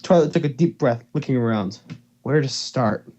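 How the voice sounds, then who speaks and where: At a normal pace, a man with a mid-range, slightly mellow voice reads fan fiction as narrator and co-host in a casual, amateur way. The voice-call audio from his computer or headset mic is slightly dull, with some background noise.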